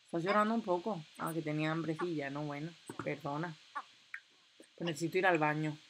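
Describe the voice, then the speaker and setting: A young woman, chatting excitedly and reading game options aloud as she plays. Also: low-pitched, brisk, slight background noise. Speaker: gameplay commentator. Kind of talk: casual let's-play commentary.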